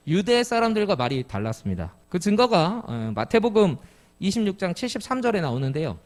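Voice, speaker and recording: A man's voice: sits high, very animated, brisk. A middle-aged man from Jeju preaching an expository sermon, explaining step by step and putting questions to the congregation. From Jeju, Korea. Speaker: pastor. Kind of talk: expository sermon at a midweek service.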